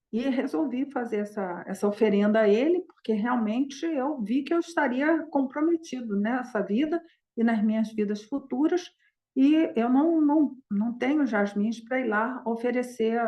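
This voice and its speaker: A humble flower gatherer explains himself earnestly and with some hesitation. His voice sits rather high. A woman telling a teaching story acts him out. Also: a little mellow, dull audio, close to an everyday voice.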